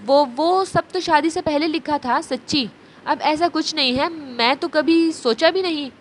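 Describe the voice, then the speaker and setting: A woman's voice: on the high side, expressive, fairly bright tone, slight background noise. A woman voicing a timid, innocent young wife who pleads fearfully in an audio novel. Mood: tearful.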